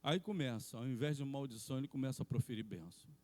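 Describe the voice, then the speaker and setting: A man preaching, telling the story in an animated way and acting out the scenes. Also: medium pitch, quick pace. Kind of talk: sermon. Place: church hall. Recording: long reverb in a church hall.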